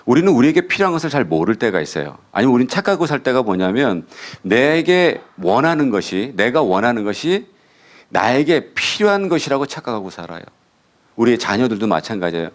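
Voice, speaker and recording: A man's voice: medium pitch, sing-song, fairly quick. A male pastor giving a sermon, asking the congregation questions and answering them himself.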